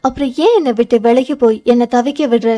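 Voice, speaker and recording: An intense, stubborn young lover, voiced by a woman reader in an audio novel. The delivery is urgent and quick, with a somewhat high, mellow tone. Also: close to an everyday voice. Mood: pleading. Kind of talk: audio novel character reading.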